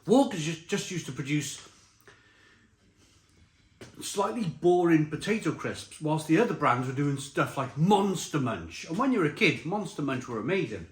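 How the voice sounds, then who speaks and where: A British man with a fairly high-pitched, very lively voice gives a casual snack review as he eats. He is chatty and emphatic, often repeating himself. The room is echoey. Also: moderate pace. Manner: talks while tasting and eating crisps. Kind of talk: casual spoken review to camera. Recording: roomy echo, faint background noise.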